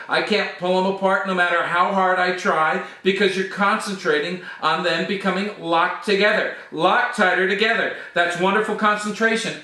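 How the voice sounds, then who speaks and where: Mesmerizing high-pitched man, very echoey room. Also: sharp tone, far from the mic. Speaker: hypnotherapy instructor demonstrating on a partner. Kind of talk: live hypnosis demonstration and teaching.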